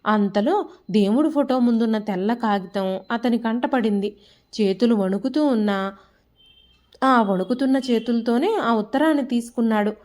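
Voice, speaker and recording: A woman storyteller giving calm, measured narration of an emotional family story. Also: fairly high pitch.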